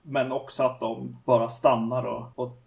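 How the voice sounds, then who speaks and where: A man's voice: mid-range voice, level tone, vocal fry, darkish tone, far from the mic, low-quality recording. A man co-hosting a podcast, casually talking through a film, with loose fillers and restarts. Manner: conversational, many fillers and restarts. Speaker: podcast co-host.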